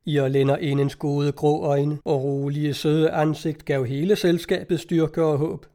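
Warm-voiced man reading a novel aloud. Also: a little high. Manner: measured, even storytelling delivery. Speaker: audiobook reader. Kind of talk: scripted narration of a novel.

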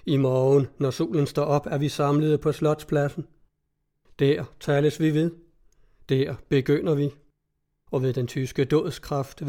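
A man voicing a pompous small-town orator who gives a slow, grandiose speech. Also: a little high, dark tone, lightly acted.

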